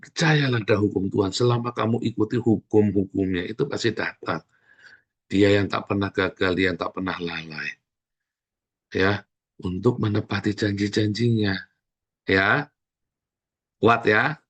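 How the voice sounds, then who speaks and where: A man preaching a sermon as pastor, speaking in an animated way with sudden loud exclamations. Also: on the low side, creaky, breathy edge.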